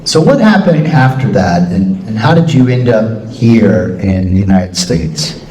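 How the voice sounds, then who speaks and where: A man hosting a church forum interview, relaxed and hesitant, with many pauses. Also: fairly low pitch. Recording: echoey hall, voice from far off mic, faint noise.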